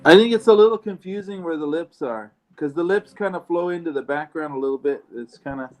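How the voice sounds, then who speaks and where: A man's voice: fairly high pitch, a little fast, darkish tone, poor audio. A man, a tattoo artist, giving easygoing, hedged advice in a casual group chat.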